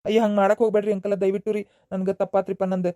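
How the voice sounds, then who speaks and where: Sheepish jobless groom, as a man puts him on: high, dark, North Karnataka accent, pleading. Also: level tone, very fast, dry recording, clean studio sound, natural voice. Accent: North Karnataka Kannada. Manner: pleading, polite, rambling.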